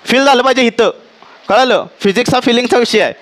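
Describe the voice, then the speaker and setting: A physics teacher with a Marathi accent lectures a class in a very high, fairly bright voice. He frequently checks that students are following and dictates definitions at a slow pace.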